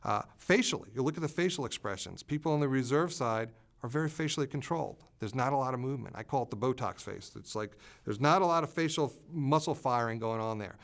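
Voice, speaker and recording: A man explaining communication styles as an expert in an interview, pausing often with "uh" fillers. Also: mid-range voice, expressive.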